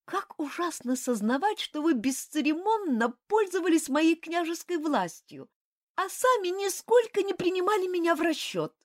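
A woman reading the part of an excitable, indignant young princess in an audiobook. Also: normal speed. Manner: high, breathless and reproachful.

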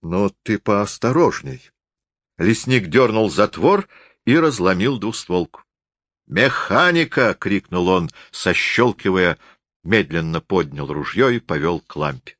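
A man reading a literary story aloud in steady, measured narration. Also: sits low, no echo, studio quality. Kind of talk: audiobook reading.

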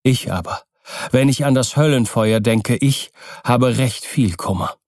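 A man's voice: mid-range voice, measured pace, darkish tone, dry recording, clean studio sound, natural voice. A man voicing a troubled young husband in an audiobook reading, subdued and sorrowful.

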